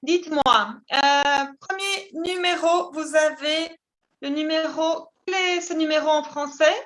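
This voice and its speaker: A woman teaching an online French class, explaining in Spanish and repeating each word slowly for pronunciation. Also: high-pitched, a bit bright. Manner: slow, careful, repeats words for pronunciation; switches between Spanish explanations and French examples.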